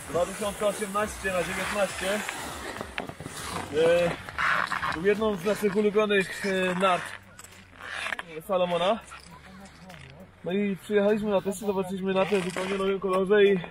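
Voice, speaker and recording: A man's voice: high-pitched, level tone, a little slow, long pauses. Young man on a windy ski slope. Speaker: ski tester. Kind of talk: product review. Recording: outdoor slope with wind noise.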